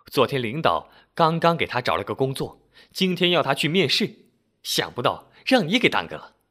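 A man's voice: medium pitch, very animated, moderate pace, sharp tone. A man voicing a bossy older neighborhood auntie who chides and scolds in a storytelling recording. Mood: scolding. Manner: chiding, bossy.

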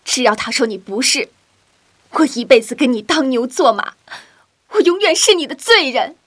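A woman playing a fierce, stubborn young woman who speaks forcefully and accusingly. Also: sits high, big pitch swings, moderate pace.

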